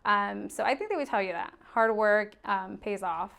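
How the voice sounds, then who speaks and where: At a moderate pace, this woman speaks in a mid-range voice that's gravelly and a bit bright. She's an Arizona real estate agent in her thirties, chatting openly and laughing easily while being interviewed on a casual podcast.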